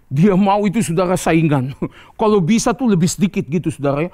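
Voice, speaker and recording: Middle-aged man, pastor, sermon, conversational, animated pitch jumps, acted-out dialogue. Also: fairly quick. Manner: conversational preaching, lively jumps in pitch, acts out quoted dialogue.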